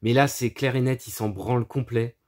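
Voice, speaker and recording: A man talks casually about the films he owns at a normal pace, his mid-range voice over slight background noise. His talk is crude and profane, full of mockery, frequent laughter and lively asides.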